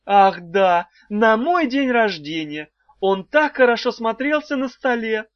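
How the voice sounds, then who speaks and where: A sweet, scatterbrained brain-eating wife, as a male storyteller puts her on, cooing pet names in a high, thin falsetto that sounds far from his own voice. The storybook recording is dry and a little dull. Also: expressive, a little slow, dry recording. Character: doting middle-aged female brain-eater, sweet and scatterbrained.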